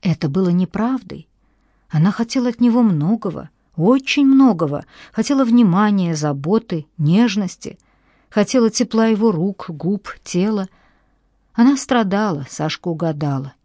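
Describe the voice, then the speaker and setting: A woman narrating an audiobook in a measured storytelling manner, recorded close to the mic. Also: mid-range voice, lively intonation, mellow, dry recording. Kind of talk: scripted narration.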